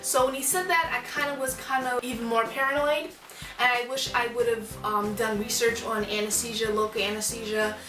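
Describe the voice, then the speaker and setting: A woman's voice: fairly high pitch, fairly even intonation, brisk. Young woman chatting in an echoey room. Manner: informal and rambling, often repeating words for emphasis. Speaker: vlogger telling a personal story. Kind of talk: casual storytime chat. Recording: echoey room, distant mic, music behind.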